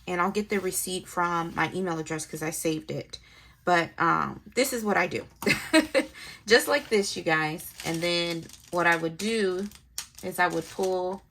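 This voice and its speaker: A woman's voice: lowish voice, gravelly, fairly bright tone. A young woman chatting casually as she fills out her budget planner, thinking aloud and muttering numbers to herself. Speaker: planner vlogger. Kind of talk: casual narrated planner setup.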